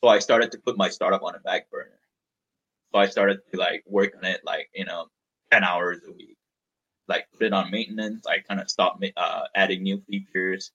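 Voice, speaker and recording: Deep-voiced and steady, a Malaysian man in his thirties speaks at a moderate pace with a slightly bright, breathy quality on a lo-fi recording. As a startup founder being interviewed, he shares his story frankly, rambling and repeating words while he thinks.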